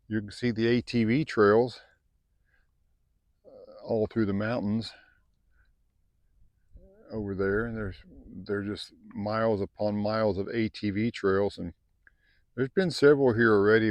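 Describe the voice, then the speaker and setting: A man's voice: lowish voice, gravelly, dry recording. A middle-aged man talking casually to camera at a desert camp, rambling easily with lots of fillers. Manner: easygoing, rambling, many fillers. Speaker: vlogger. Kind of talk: casual vlog talk to camera.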